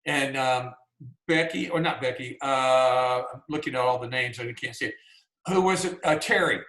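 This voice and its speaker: A man's voice: mid-range voice, normal speed, fairly bright tone. A man from Georgia with a Southern accent, presenting a writing workshop over a video call in a folksy, conversational way. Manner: folksy and conversational, many "you know"s. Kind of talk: teaching a writers' workshop. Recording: roomy echo.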